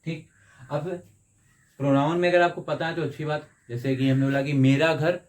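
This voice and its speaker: A man's voice: on the high side, fairly even intonation, darkish tone. Hindi-speaking teacher quizzing his class. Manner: asks the class questions and answers them himself; drags out example sentences slowly. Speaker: English grammar teacher. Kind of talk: explaining grammar in a video lesson.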